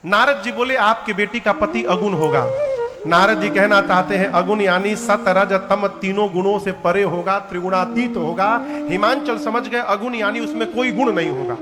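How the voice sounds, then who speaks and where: A middle-aged man preaches in a high, ringing voice. He acts out each character as he tells the story and slides into chanted verses. His voice rings out across a big reverberant hall over devotional music. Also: normal speed. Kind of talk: devotional katha sermon with sung verses. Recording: large hall with long reverb. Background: devotional music playing.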